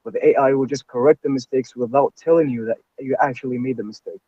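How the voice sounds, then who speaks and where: A fast-talking man with a mid-range voice, an Arabic speaker from Algeria, takes part in a lecture via video call. He's hesitant and peppers his answers with "like" and "you know," and the recording is dull and dry, typical of online calls.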